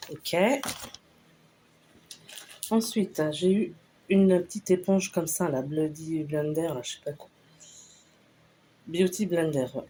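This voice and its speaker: A woman casually talking through a shopping haul, unhurried and hesitant with lots of fillers. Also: deep voice, dark tone, slight background noise. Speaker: vlogger showing a store haul. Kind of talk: casual haul video chat.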